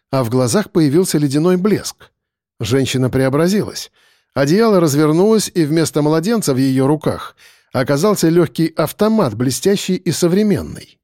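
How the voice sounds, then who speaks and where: A man reading an action audiobook in steady, measured scripted narration. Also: on the high side, no room sound, clean studio sound.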